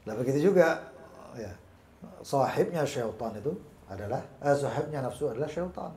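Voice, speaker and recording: A man's voice: medium pitch, moderate pace, slight background noise. Man preaching in an echoey room. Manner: storytelling, lively asides. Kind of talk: religious study sermon.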